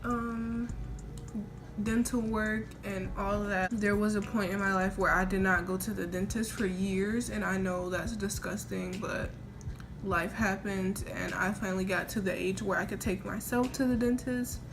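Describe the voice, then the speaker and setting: A woman's voice: mid-range voice, steady tone, measured pace, music in the background. A young adult woman chatting casually as a vlogger, telling a personal story in an informal, rambling way with a mouth sore from oral surgery. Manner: informal, rambling, quoting herself. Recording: noisy homemade recording with room ambience.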